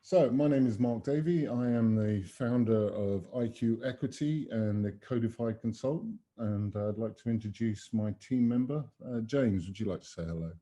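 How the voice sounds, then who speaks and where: A man's voice: medium pitch, normal speed, few pauses, mellow. A man hosting a business webinar, presenting emphatically with vivid metaphors over a video call microphone. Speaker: webinar host and consultant.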